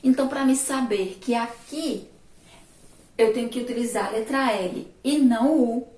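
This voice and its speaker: A fairly high-voiced Brazilian woman teaching young children over a remote class, recorded from across an echoey room. She speaks patiently and draws words out slowly, syllable by syllable. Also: a little mellow, distant mic. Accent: Sergipe Brazilian Portuguese. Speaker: primary school teacher. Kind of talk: remote class lesson at a board.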